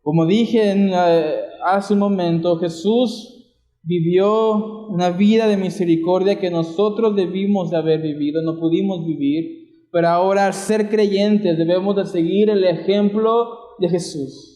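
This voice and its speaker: A Mexican Spanish-accented man preaches a sermon in a high voice. He asks the congregation question after question and puts scripture into everyday words. His voice rings through an echoey church hall. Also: fairly even intonation, measured pace, warm tone. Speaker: pastor.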